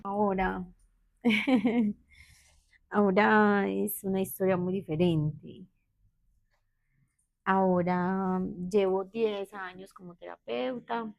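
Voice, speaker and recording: A woman's voice: medium pitch, fairly even intonation, slow, creaky, pauses often. A woman in her thirties with a Medellín Colombian accent, a therapist telling her own story in an interview, candid and hesitant, often restarting. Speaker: guest, therapist.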